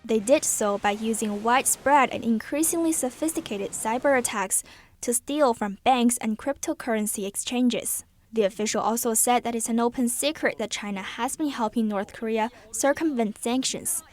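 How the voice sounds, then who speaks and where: A woman's voice: on the high side, moderate pace. A woman reporter narrating a scripted news report.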